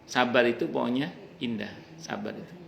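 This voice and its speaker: Gravelly-voiced male religious teacher. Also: mid-range voice, fairly quick. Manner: conversational and joking, quotes Arabic verses. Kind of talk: informal religious study talk. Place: private home gathering. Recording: roomy home recording with faint ambience.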